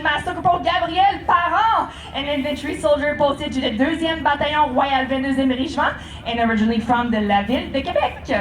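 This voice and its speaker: A woman's voice: sits high, slight background noise. A woman giving airshow commentary as the announcer of a parachute display. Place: outdoor air show. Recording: echoey PA with music behind. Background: music.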